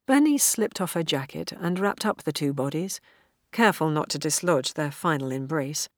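A woman with a low voice narrates an audiobook in a measured, even way. The recording is dry and close, with almost no room sound. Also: no echo. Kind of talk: scripted narration.

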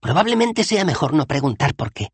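A man voicing a calm, good-natured male tourist who speaks in a light, soothing way. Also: a little high, fairly quick, breathy edge, no echo, voice pushed up, heavily acted. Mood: reassuring.

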